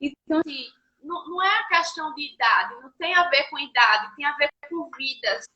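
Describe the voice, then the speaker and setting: A woman's voice: sits high, animated, fairly quick, bright, forceful tone, dull audio. A woman in her thirties giving an earnest religious testimony over a video call, her voice breaking at times. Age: 30s. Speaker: guest sharing testimony.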